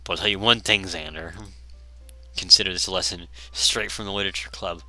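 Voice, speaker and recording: A man doing a short-tempered teenage girl in a game reading. She speaks loudly and indignantly, with a forceful, sharp edge. The sound is close and dry. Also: low voice, fairly even intonation, a little fast, no room sound, soft background music, low-quality recording. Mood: bossy. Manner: loud, snappy and indignant.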